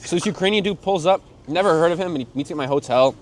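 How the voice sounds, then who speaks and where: A young man in his twenties, a music producer being interviewed, telling stories in a relaxed, slangy way and getting animated when he quotes people. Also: a little high, racing, slight background noise. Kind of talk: casual interview chat.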